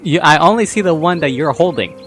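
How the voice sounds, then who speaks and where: A man's voice: a little high, expressive, fairly quick, fairly bright tone. A man chatting while gaming over an online voice call, his audio cutting in and out as he stops and repeats himself. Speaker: gamer playing co-op with friends.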